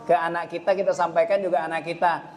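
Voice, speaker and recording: A man's voice: a little high, flat delivery, fast talker, darkish tone. Man with giving a parenting talk. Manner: addresses audience often, acts out parent and child quotes. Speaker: religious teacher. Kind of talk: parenting lecture at a study gathering.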